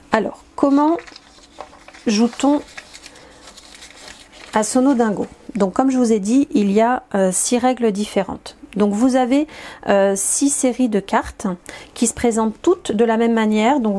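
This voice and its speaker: Woman presenter, warm mellow tone, hesitant and explanatory, demonstrating a card game. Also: fairly high pitch. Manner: hesitant, explanatory, many filler pauses.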